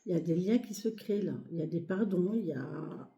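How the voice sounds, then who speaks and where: A hoarse, short-of-breath woman speaking softly and hesitantly with many fillers as she reads cards in a casual video. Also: lowish voice, brisk. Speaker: card reader. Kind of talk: casual tarot reading video. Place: home, near a sleeping child, outdoor birds.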